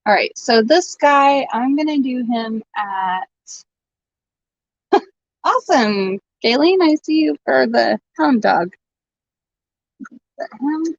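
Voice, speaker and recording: A woman's voice: high-pitched, expressive, slow, gravelly, pauses often, dry recording. A woman hosting a live online vintage sale, chatting casually and laughing often as she shows items. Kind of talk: casual live-stream selling chat. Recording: dull lo-fi stream audio.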